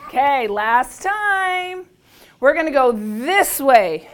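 A woman's voice: sits high, very animated, slow pace. A woman using a kindergarten teacher voice, leading young children in songs and action games with simple, repeated, encouraging instructions.

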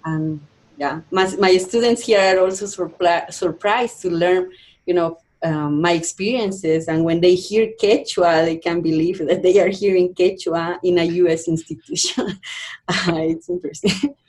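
A Peruvian-born university educator, a woman with a low and slightly mellow voice, is a guest on a podcast interview. She speaks thoughtfully but haltingly, with many fillers and restarts.

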